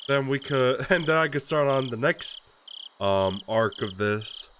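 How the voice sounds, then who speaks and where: A young man with a cold reads a visual novel aloud on a live stream, his mid-range voice stuffy and congested. He keeps it relaxed and a little slow, laughing often and using lots of fillers, with a little hiss or hum in the audio.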